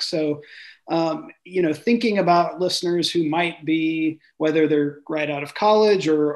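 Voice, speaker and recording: A podcast host with a fairly high male voice. He reads a promo and then asks his guest long questions in an even, conversational way. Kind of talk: interview hosting with read promo.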